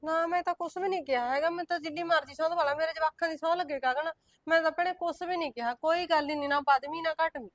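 Brief: actress as a meek village widow, high and quick, pleading, close dry sound. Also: female voice, steady tone, no echo. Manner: pleading, swearing innocence. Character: pleading widowed woman with small children, meek. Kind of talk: village short-film drama.

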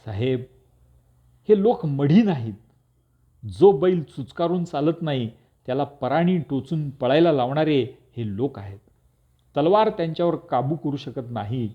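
A man voicing a defiant middle-aged village headman who speaks out loudly and forcefully, on a dull lo-fi recording. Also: medium pitch, lively intonation, moderate pace, close to an everyday voice. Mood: stern. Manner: loud, forceful, indignant outbursts.

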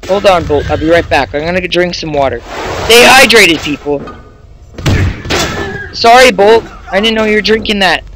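A young man with a high, bright voice commentates a video game in a loose, excitable way. He jokes around and talks to his horse in the game as if it were a friend. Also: moderate pace, pauses often, rough recording. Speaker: gaming channel host. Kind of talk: casual let's play commentary.

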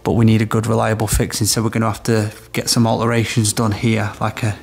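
A man in his thirties, an electrician, demonstrates a product on site in a small room of a house, practically explaining the job step by step. His voice is fairly low, gravelly and monotone, and he speaks fast.

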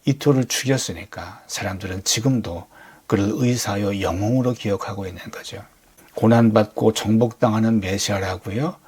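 A man's voice: on the low side, moderate pace, a little mellow, husky. A man preaching a Sunday sermon as a pastor, talking conversationally and firing off rhetorical questions.

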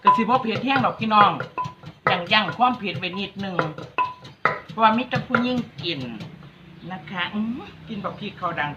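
A woman's voice: medium pitch, normal speed, loud music behind the voice. A woman with an Isan accent hosting a cooking vlog, chatting and teasing while talking straight to her viewers. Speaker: vlog host. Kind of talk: casual cooking vlog chat. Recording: dull lo-fi recording.

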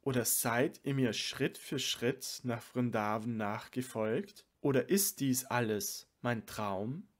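A divine male monk speaks with loving, wondering tenderness, read aloud by a man. The pace is slow and gentle, as in an audiobook of a sacred play. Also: mid-range voice. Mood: wondering, tender.

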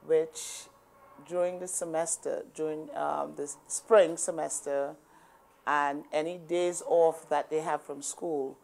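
An older woman, a program founder, speaking earnestly and quickly in an indoor interview. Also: low-pitched, vocal fry, darkish tone. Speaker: founder and executive director of a youth program. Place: indoor room lined with bookshelves.

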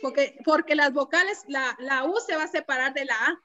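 A woman's voice: high voice, a little fast, highs cut off, a crowd in the background. A woman teacher giving an online lesson to a class, patiently explaining and asking the students questions. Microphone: computer mic on a video call.

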